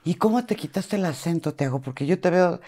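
A woman's voice: lowish voice, lively intonation, a little fast, mellow. A woman hosting an interview, asking her guest questions in an affectionate, casual manner. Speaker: interview host.

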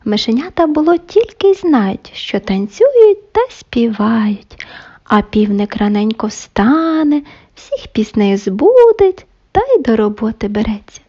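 A woman narrating a bedtime folk tale, soft and often half-whispered. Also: on the high side, big pitch swings, a little slow, highs cut off. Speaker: storyteller.

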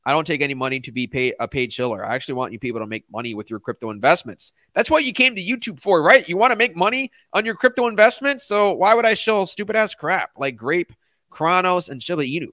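This middle-aged crypto YouTuber rants on a casual livestream, answering chat bluntly and emphatically with slangy side comments. His voice is a little high, expressive, pushed and bright, and he talks fast. The close studio microphone gives a dry recording.

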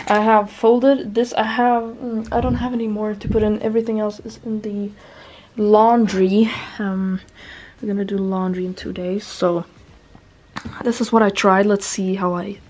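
A young woman talks through her room cleaning in a relaxed, unscripted voice-over. Her speech is soft and halting, full of fillers and restarts, at an ordinary pitch. A faint hiss and a few clicks sit under the recording. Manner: soft, hesitant, many fillers. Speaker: vlogger. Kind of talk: casual cleaning vlog voice-over.

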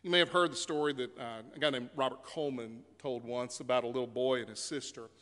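A man's voice: medium pitch, fairly even intonation, fast, a bit bright. A man preaching a sermon as pastor in a church sanctuary, telling stories in a conversational way with occasional fillers. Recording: long reverb of a church sanctuary.

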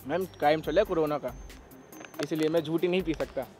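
Quick, polite protesting young man. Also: a little high, dark tone, soft background music. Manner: polite, protesting, formal "ma'am". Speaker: prank target. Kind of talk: casual street argument. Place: outdoors on a city street.

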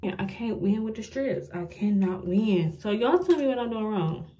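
A woman's voice: a little high, expressive, a little fast, warm tone. Frustrated young woman chatting to viewers. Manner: talks to viewers as "y'all", frustrated and self-mocking. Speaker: beauty vlogger. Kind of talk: casual get-ready-with-me chat.

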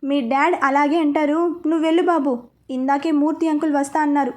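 A woman voicing a gentle, quick-witted middle-aged mother in a storybook reading. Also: high-pitched, steady tone, close to an everyday voice.

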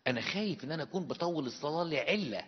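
A man's voice: a little high, lively intonation, racing, breathy edge, big-room sound, dull audio. A male priest with an Egyptian accent, preaching an emphatic sermon full of rhetorical questions. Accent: Egyptian Arabic. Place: church.

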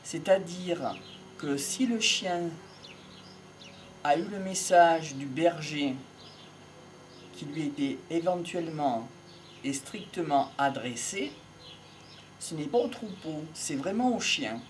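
Slow, measured older man outdoors. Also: on the high side, animated, slight background noise. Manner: measured, pausing often, philosophical. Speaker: speaker on voice and communication. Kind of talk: slow reflective monologue to camera. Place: outdoors in a sunny country field. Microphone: handheld mic. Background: faint outdoor ambience with birds.

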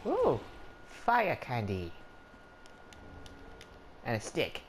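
A man's voice: medium pitch, huge pitch swings, extremely slow, a little hiss or hum, full character voice. A man voicing a skittish, whiny little male adventurer in let's play commentary, rambling and stammering, yelping whenever something attacks. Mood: grumbling. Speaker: gameplay commentator.

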